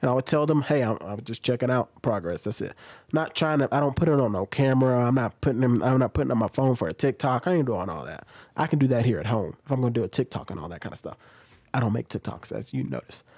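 A man in his thirties talks bluntly and casually, reacting with plenty of ums and restarts. His voice sits at an ordinary middle pitch. The sound is dry and close, from a studio mic on a boom arm in a room at home. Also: animated, fast, a little mellow, slightly rough, no echo. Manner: blunt, conversational, many fillers. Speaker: commentary vlogger. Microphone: studio XLR mic on boom, close.

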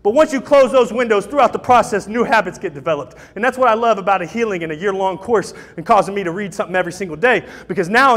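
Man, high-pitched voice, impassioned testimony sermon, repetitive phrasing, long church reverb. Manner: impassioned, repetitive, builds to shouting. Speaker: guest speaker at church recovery ministry. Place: church sanctuary.

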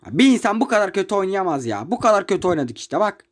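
A high-voiced young man records himself at home while playing a football game on his phone. He rants in exasperation, one moment yelling and the next muttering under his breath, over a close phone mic. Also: sing-song, fast talker. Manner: exasperated ranting, swings between shouting and muttering. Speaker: mobile football gamer. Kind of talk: live gameplay commentary. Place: room at home.

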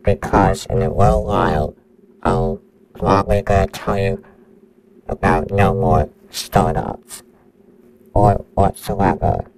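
A man's voice: low-pitched, fairly even intonation, slow, long pauses, darkish tone, a little hiss or hum, poor audio. A synthetic male voice playing a menacing computer virus that announces countdowns in a robotic tone.

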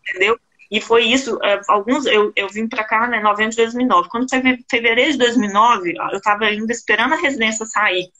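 A Brazilian woman in her thirties with a Brazilian Portuguese accent, telling her own story as a career coach in a relaxed live-stream chat. Her voice is bright and sits a little high. She tells it with feeling and laughs often between phrases. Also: fast, poor audio.

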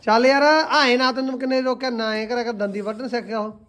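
A man's voice: extremely high pitch, level tone, fast, a bit bright, slight background noise. A man filming a farm vlog outdoors at a stable on a phone, teasing and coaxing his friend with repeated urgings. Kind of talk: casual outdoor banter. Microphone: phone camera.

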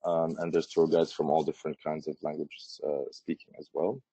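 A man's voice: very deep voice, level tone, moderate pace, dark tone, slightly rough, no room sound. A man from Jordan presenting travel tips in a casual webinar, with many fillers and restarts. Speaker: tourism board presenter. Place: Washington D.C. remote setup. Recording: dull lo-fi audio.

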